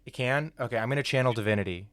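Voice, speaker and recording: A man's voice: medium pitch, racing, fairly bright tone, no room sound. A man playing in a tabletop game, thinking aloud and checking the rules as he goes. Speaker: player.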